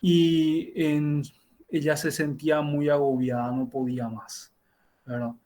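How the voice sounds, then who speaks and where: A middle-aged man, a doctor teaching a class, tells a clinical case in a halting way with frequent restarts and tag questions, heard over a video call. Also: a little high, little pitch movement, a little mellow. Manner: halting, many self-corrections and tag questions. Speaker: university lecturer and doctor. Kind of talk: lecturing with a clinical case story.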